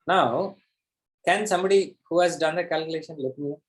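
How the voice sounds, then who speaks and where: Emphatic Indian man coaching, higher-pitched. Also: a little fast. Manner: pushy, emphatic, repeats phrases for effect. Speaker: online business coach hosting a class. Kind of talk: live interactive teaching, mixing English and Hindi.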